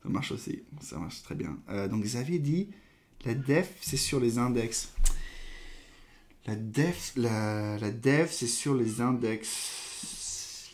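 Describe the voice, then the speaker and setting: Man thinking aloud while live coding. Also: mid-range voice. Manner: thinking aloud, hesitant, trailing off.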